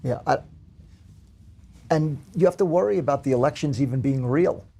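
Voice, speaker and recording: A man's voice: fairly high pitch, moderate pace, vocal fry, warm tone. A man from Queens, New York, chatting casually on a talk show and telling stories in a conversational way. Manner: conversational, anecdotal storytelling.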